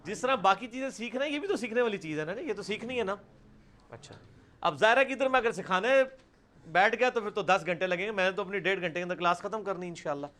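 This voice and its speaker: A middle-aged man with a Punjabi accent teaching Quranic pronunciation in a live class, repeating each sound loudly and slowly for students to copy and then calling on them by name. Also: high voice, expressive. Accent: Punjabi-accented Urdu.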